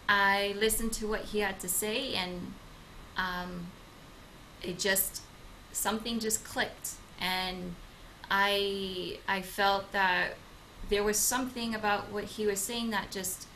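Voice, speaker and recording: A woman's voice: mid-range voice, pushed and bright, slight background noise, rough recording. A young woman co-hosting a channel, introducing herself in casual talk with many hesitant fillers and restarts. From Okinawa, Japan; grew up in the United States. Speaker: channel co-host. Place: home in Madrid.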